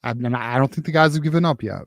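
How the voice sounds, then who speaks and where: A man hosts a casual postgame sports show, ranting with plenty of profanity and false starts. His voice sits at an ordinary pitch. It sounds close and dry, with little room sound. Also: fast talker, dry recording. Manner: profane, heated, rambling with many restarts. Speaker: podcast host.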